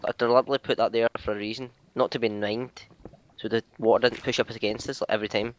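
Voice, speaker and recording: A man talks through his game in casual commentary, excitable and quick to swear and tease. His voice is smooth and resonant, captured on a dull, lo-fi mic. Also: fairly low pitch. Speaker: gamer.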